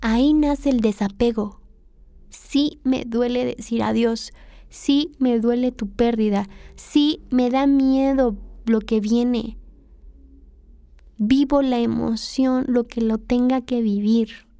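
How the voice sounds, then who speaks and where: A Mexican woman hosts her own podcast in a candid, confessional monologue, speaking directly to the listener. Her voice sits a little high. The recording is dry, with no room sound around her. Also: steady tone, takes it slowly, warm tone, no room sound. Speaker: podcast host. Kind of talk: reflective personal monologue.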